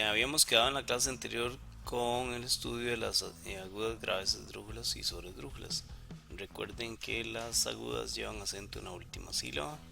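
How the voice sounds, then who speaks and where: A man teaching a recorded lesson, explaining exercises step by step with frequent "eh" pauses and checking tag questions. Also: medium pitch, vocal fry.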